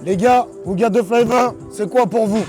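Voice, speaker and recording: A man doing hyped street interviews at an outdoor festival, exuberant and hype-man loud. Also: sits high, normal speed, over music.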